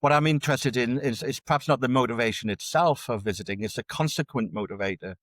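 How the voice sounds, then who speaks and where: A man's voice: medium pitch, fast talker, fairly bright tone, no echo. A man being interviewed as a researcher, explaining ideas in a conversational academic way and often repeating words as he restarts. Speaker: dark tourism researcher, guest.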